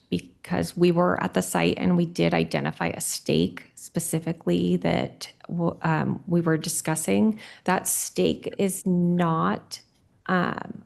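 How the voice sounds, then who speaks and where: A woman with a strongly gravelly, fry-laden voice speaking to a city board on behalf of an applicant. Her pitch sits a little low and she chooses her words carefully. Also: darkish tone. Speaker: applicant representative. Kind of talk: public meeting remarks.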